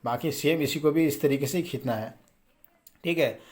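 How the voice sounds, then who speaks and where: A man teaching Quran reading in a casual, patient way. He asks questions and answers them himself, and he draws out the example words slowly. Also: fairly high pitch, darkish tone. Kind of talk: casual spoken lesson.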